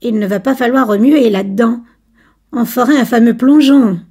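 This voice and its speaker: A woman's voice: fairly high pitch, moderate pace, mellow, slightly rough. Woman doing a nervous, boastful young clerk. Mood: uneasy joking. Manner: teasing, nervous bravado.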